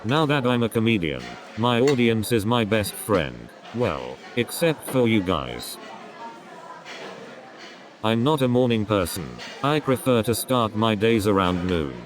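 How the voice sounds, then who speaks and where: A man doing a stand-up comedy routine, delivering deadpan one-liners one after another. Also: on the low side, normal speed, few pauses, music in the background. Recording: crowd laughter in background. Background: audience laughter.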